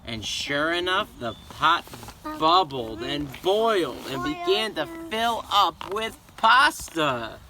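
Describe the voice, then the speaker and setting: A man reading a children's story aloud in an expressive, dramatic way. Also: on the high side, slow, a little hiss or hum. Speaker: storybook reader. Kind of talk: children's read-aloud narration.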